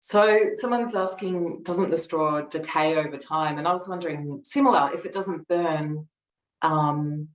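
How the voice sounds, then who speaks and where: A woman's voice: deep voice, a little slow. A woman hosting a casual video call, reading out viewer questions and giving short agreeing replies. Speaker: host. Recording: roomy echo over video call.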